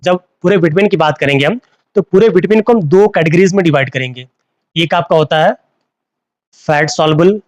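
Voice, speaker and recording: A man's voice: on the high side, no room sound. Man teaching a live online class. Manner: repeats key terms as questions to students, mixes Hindi and English. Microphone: phone.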